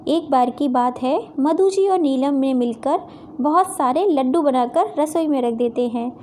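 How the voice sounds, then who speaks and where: Slow high-voiced woman storyteller. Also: darkish tone, slight background noise. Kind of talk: moral story narration.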